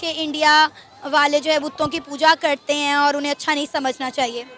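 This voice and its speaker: A woman interviewing people on the street, asking gentle, probing questions. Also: high-pitched, little pitch movement, a little fast, slight background noise.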